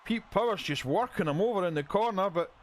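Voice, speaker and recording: High-voiced excitable male wrestling commentator. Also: fairly quick. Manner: excitable, with frequent restarts. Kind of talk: play-by-play video game commentary.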